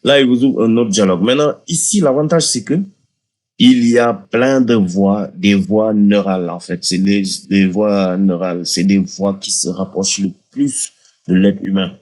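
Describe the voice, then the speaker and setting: A man hosting a casual screen-recording software tutorial, talking viewers through the steps with hesitations and restarts. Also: on the low side, normal speed. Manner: hesitant, many fillers and restarts, addresses viewers directly. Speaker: tutorial host.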